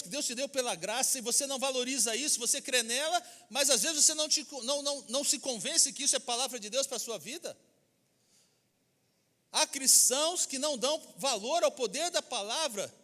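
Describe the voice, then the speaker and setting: His voice is very high, bright, and forceful as he preaches in a church sanctuary, where the hall creates a long reverb. The pastor speaks with a Brazilian Portuguese accent, delivering his sermon emphatically and acting out the people he quotes.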